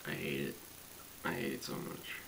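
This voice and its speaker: A young man in his late teens venting in a casual vlog, rambling with lots of fillers and swearing, swinging between loud complaints and quiet mumbling. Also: deep voice, normal speed, gravelly, a little hiss or hum, poor audio. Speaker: student vlogger.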